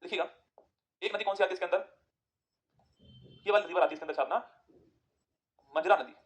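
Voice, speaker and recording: A man teaching an exam-prep geography lesson, firing quick questions at students and answering them himself. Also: high voice, lo-fi sound.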